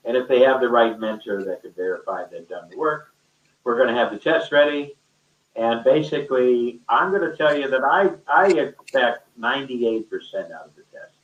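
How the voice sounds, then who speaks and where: A teacher with a medium-pitched voice speaks animatedly and at a moderate pace in an online discussion, improvising in a rambling, everyday, forceful way. His call audio comes through dull and echoey from a distant microphone.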